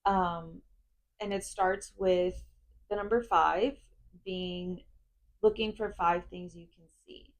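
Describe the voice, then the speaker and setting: Calm woman explaining a grounding exercise. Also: fairly low pitch, slow. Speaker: therapist explaining a grounding technique.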